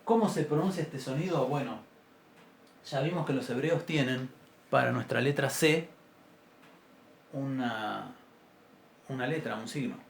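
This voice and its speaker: A man teaching an introductory Biblical Hebrew class, explaining patiently and clearing his throat often. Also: medium pitch, unhurried, long pauses. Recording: roomy echo, faint background noise.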